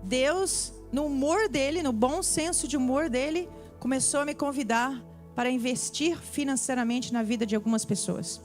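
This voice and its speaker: A young woman tells her testimony from the church stage, her voice pitched a little high. She tells it in an animated way, acting out each exchange. Soft music plays faintly behind her. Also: normal speed. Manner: animated storytelling, acts out dialogue. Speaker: preacher. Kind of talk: sermon testimony.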